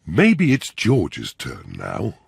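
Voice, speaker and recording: A man voicing a jolly, gentle father pig in a preschool cartoon, with a jovial, indulgent manner. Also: low voice, wildly swooping pitch, drawn-out words, gravelly, husky, dry recording, clean studio sound, heavily acted.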